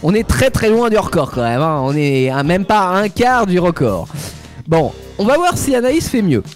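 A man's voice: sits high, big pitch swings, moderate pace, soft background music. A man hosting a radio show, announcing a game and teasing his co-hosts in playful banter.

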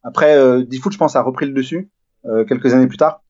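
Quick, rambling man in casual chat. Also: medium pitch, a little mellow, dull audio. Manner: rambling, hesitant with fillers. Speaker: podcast guest.

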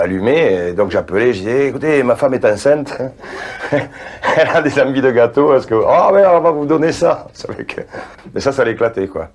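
Un homme âgé à l'accent marseillais raconte ses souvenirs sur un ton bavard, avec des hésitations. Sa voix est plutôt grave. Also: male voice, fairly low pitch, a little mellow. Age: older. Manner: chatty, hesitant, laughing storyteller. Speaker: interviewee. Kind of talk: recorded anecdote.

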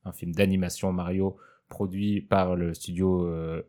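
A man's voice: low-pitched, flat delivery, a little slow, dark tone. A man co-hosting a casual talk show, chatting with many hesitant fillers. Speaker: podcast co-host. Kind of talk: casual chat.

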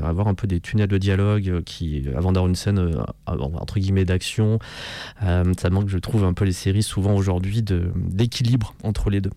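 A man's voice: lowish voice, mellow, dry recording. A man hosting a radio show, talking casually and rambling with many fillers and restarts. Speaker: radio host.

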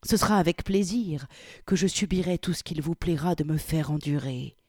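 A woman's voice: sits low, normal speed, a little mellow, slightly rough, no room sound, studio quality. A woman voicing an infatuated male financier in a read-aloud story, eager and pleading.

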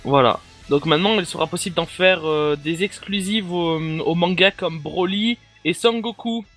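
A man's voice: high voice, normal speed, fairly bright tone, faint music behind. A young man co-hosting a casual gaming podcast, enthusiastic and joking, rambling through the news with fillers. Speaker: podcast co-host presenting game news.

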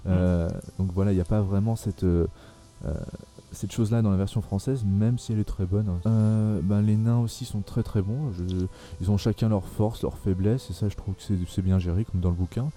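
A man's voice: on the low side, fairly even intonation, moderate pace, mellow. A young man hosting a casual film podcast, talking hesitantly with many fillers and restarts. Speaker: podcast host.

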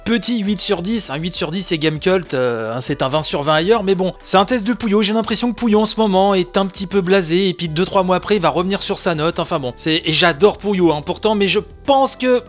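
A man's voice: high voice, brisk, a bit bright, soft background music. A married man hosting a casual spoken video game press review, chatty and opinionated, with many asides and fillers. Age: adult, married. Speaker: video game news show host.

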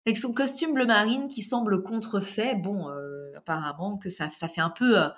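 A woman's voice: mid-range voice, moderate pace. A woman co-hosting a casual podcast chat, playful and giggly, with joking asides. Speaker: podcast co-host.

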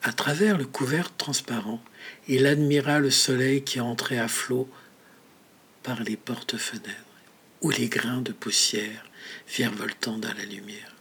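A man narrating a story in a measured manner, often dropping to a whisper. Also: medium pitch, steady tone, fairly bright tone, husky. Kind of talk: audiobook story reading.

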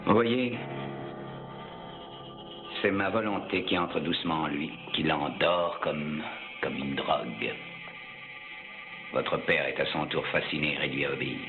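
Sinister hypnotist master: very deep, slow, measured menace, thin phone-like film audio over score. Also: male voice. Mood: menacing. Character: sinister male hypnotist master, commanding and cold. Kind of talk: dubbed film dialogue. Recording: tinny lo-fi film clip with music.

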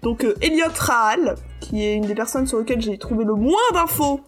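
A woman's voice: on the high side, animated, a little fast, slightly rough, soft background music. A woman presenting her research on a podcast in a hesitant way, with many fillers and restarts. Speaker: podcast co-host presenting research on comic creators. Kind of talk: casual podcast chat.

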